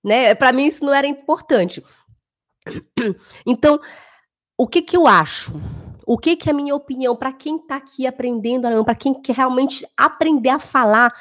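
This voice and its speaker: A woman's voice: high voice, moderate pace, a bit bright. A woman, a German teacher talking casually to camera, emphatic and repeating phrases for stress.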